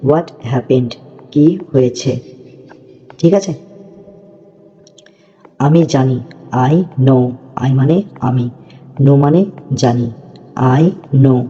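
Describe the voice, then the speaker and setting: Guy teaching english real slow and patient, deep mellow voice, kinda muffled and echoey. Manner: patient, repeats words, often checks understanding. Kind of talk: slow explanatory lesson. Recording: dull lo-fi audio with long reverb.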